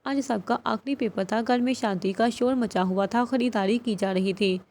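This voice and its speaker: A woman narrating a novel as an audiobook reader in a steady storytelling manner. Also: on the high side.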